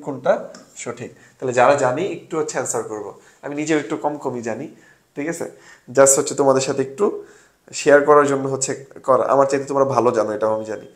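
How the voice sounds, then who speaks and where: In an echoey room, a young man from Bangladesh talks in a fairly high pitch as he tutors an admission test class in a relaxed online session. He mixes English words into his speech and answers the questions he raises.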